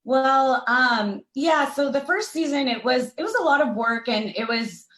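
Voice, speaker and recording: A woman's voice: high-pitched, expressive, measured pace, a bit bright, roomy sound, low-quality recording. A woman speaking on an online recovery panel, chatty and rambling with lots of fillers. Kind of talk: casual panel conversation.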